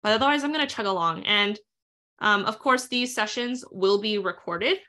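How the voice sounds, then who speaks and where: A woman leading a live online software tutorial, talking fast and chatty with frequent ums and uhs. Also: medium pitch. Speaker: instructor leading a live webinar.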